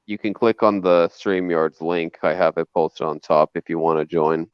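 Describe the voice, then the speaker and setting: A man's voice: low voice, steady tone, normal speed, clean tone, no echo. A man hosting a livestream in casual chat, playful, often stumbling and restarting. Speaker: livestream host. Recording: slightly muffled stream audio.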